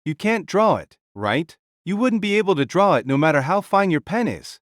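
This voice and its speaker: A man's voice: high-pitched, very animated, moderate pace, dry recording, studio quality. A man playing a huge, boisterous warrior king spirit in an audio drama, speaking in a bold, jovial, boastful way. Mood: commanding, playful. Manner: hearty, bold, grandiose. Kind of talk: dramatised audio story dialogue.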